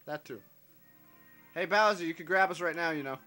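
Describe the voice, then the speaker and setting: A man's voice: on the high side, moderate pace, loud music behind the voice. A man chatting casually over a party video game, rambling, swearing and laughing. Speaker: gamer playing with friends. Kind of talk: casual let's-play banter.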